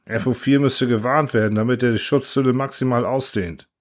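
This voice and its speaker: Guy reading as a careful scientist, measured, close to his own voice. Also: medium pitch, fairly even intonation, lightly acted. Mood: cautious. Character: male nuclear physicist, cautious and measured.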